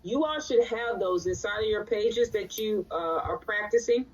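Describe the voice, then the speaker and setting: A woman's voice: medium pitch, normal speed. A woman teaching a live recitation class in a conversational way, often checking in with her students. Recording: distant, dull lo-fi sound.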